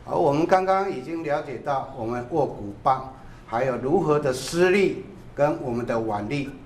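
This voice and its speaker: A man's voice: medium pitch, animated, normal speed, reverberant, slight background noise. A man teaching a drum class who calls out counts and short cues between demonstrations.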